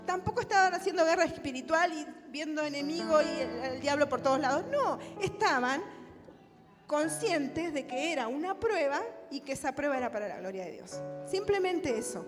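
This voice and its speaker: A woman's voice: high-pitched, expressive, moderate pace. A woman preacher with a Rioplatense Spanish accent gives a sermon and closing prayer, often asking the congregation rhetorical questions. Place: church hall. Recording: reverberant church hall with music.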